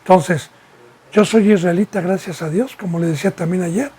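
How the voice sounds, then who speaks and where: A man's voice: high-pitched, moderate pace, warm tone, husky. A man from Mexico, preaching a sermon as a pastor and asking repeated rhetorical questions. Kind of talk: sermon teaching.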